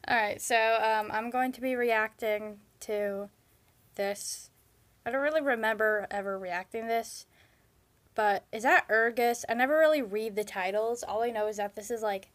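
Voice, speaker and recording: A young woman with a husky morning voice, chatting casually and laughing often as she reacts to her old videos. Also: a little high. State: morning voice, deeper than usual.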